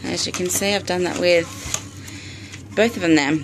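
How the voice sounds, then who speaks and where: An Australian vlogger talks through a step-by-step DIY craft tutorial at night in her bedroom, saying "um" often, her fairly low voice moving at a moderate pace with fairly even intonation. She's recorded on a phone camera, and the phone-video audio carries a noisy background.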